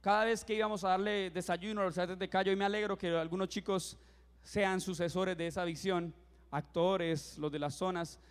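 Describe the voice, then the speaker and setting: A young man in his twenties, a youth pastor, preaching a sermon and telling funny stories, acting out his own reactions with lively energy. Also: high voice, fairly quick, smooth. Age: 20s. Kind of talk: sermon with humorous storytelling. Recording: reverberant hall.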